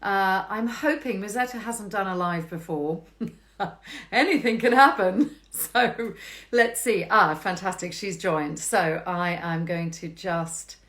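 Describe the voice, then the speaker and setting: A woman's voice: medium pitch, takes it slowly, a bit bright. Bubbly South African woman hosting a live chat. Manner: chatty, bubbly, laughs often. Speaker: host. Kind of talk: casual interview chat. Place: home, on a video call. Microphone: video call.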